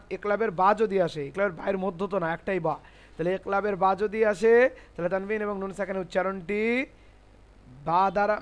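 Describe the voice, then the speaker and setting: A man teaching Quran reading in a classroom lesson, explaining slowly, repeating rules and asking his class checking questions. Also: sits high. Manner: spells out Arabic letters syllable by syllable.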